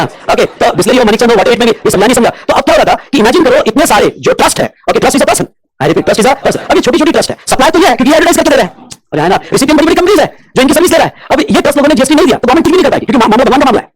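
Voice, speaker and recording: Fast-talking, husky male teacher. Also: very high-pitched, lively intonation, dry recording. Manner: rapid mix of Hindi and English, constantly checking whether students follow. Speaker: commerce teacher. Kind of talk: classroom lecture on tax law. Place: classroom with students.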